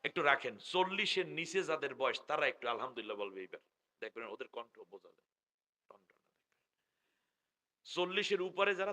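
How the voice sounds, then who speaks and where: Middle-aged bangladeshi guy preaching into a stage mic, loud and joking with the crowd, sharp cutting voice. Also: medium pitch. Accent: Bangladeshi Bengali. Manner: loud, joking, drawn-out chanting of call phrases. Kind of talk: live sermon with crowd call-and-response. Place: public religious gathering. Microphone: stage microphone through loudspeakers.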